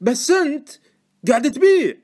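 A man with a Gulf Arabic accent voicing an excitable, insistent male stock tipster in an audiobook. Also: a little high, normal speed, voice pushed up. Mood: indignant. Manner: insistent, indignant, loud. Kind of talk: audiobook character voice.

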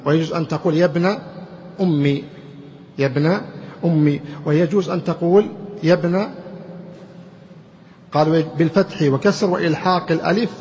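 A man giving a grammar lesson. He explains slowly and keeps quizzing his students with questions. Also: on the high side, steady tone, a little mellow, a little hiss or hum. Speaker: grammar teacher. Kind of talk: classroom lecture. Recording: muffled recording in a reverberant hall.

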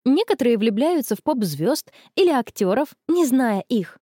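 A woman voicing an excitable, worried teenage schoolgirl in a storybook, talking high and fretful. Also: normal speed, slightly rough, no echo, studio quality. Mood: worried, eager.

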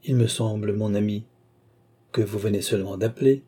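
A composed male sorcerer speaks softly and patiently, never rising to anger, as a male narrator reads him. The voice is dark and husky, kept low and even. It is a storybook reading. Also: normal speed. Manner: calm, soft, even-tempered replies.

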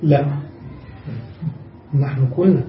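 A man teaching an Arabic grammar lesson, reading from a text and explaining it step by step, repeating examples slowly. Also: mid-range voice, a little hiss or hum. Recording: muffled, echoey room, mic far off.

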